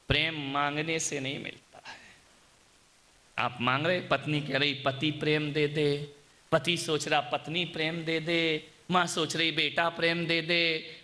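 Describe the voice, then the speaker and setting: A man preaching a sermon as a Jain monk. He moves from soft, low asides to loud, high shouted peaks, and he acts out voices in his stories.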